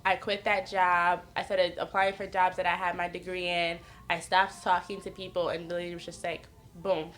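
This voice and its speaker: With a fairly low, fairly bright voice and flat delivery at normal speed, a woman in her twenties from the northeastern United States guests on a podcast. She tells frank personal stories in candid, casual talk, often laughing and acting out others' words.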